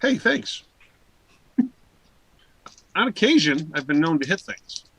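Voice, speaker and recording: A man's voice: fairly high pitch, big pitch swings, slow pace, a bit bright, husky, low-quality recording. A man playing at a tabletop game, making wry jokes about his character's luck. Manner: joking, wry. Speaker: player. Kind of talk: casual tabletop play.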